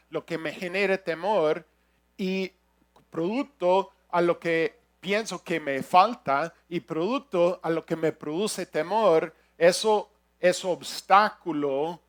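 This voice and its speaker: A man preaching in a high, bright-pitched voice. He speaks slowly and deliberately, pressing each point home with earnest emphasis. His loudness climbs and drops as he leads his congregation. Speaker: pastor. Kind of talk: sermon.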